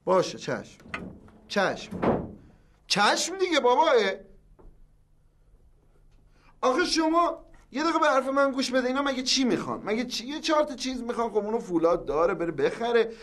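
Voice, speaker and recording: Brief: a high-voiced eldest son, all bluster, folds quickly under pressure. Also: male voice, sing-song, fairly bright tone, heavily acted. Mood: pleading. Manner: blustering then meekly giving in. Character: excitable grown son, quick to bluster and then back down. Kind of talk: sitcom acting.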